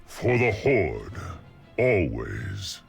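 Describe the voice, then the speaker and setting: An actor playing a huge, gentle, solemn bull-man chieftain in a video game, speaking gravely and with measured weight. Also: low voice, wildly swooping pitch, faint music behind, exaggerated voice. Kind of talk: video game character voice lines.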